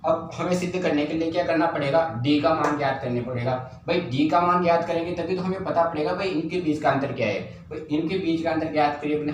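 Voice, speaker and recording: A man teaching a math lesson, repeating steps and asking and answering his own questions. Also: on the high side. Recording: very echoey room, faint ambient noise.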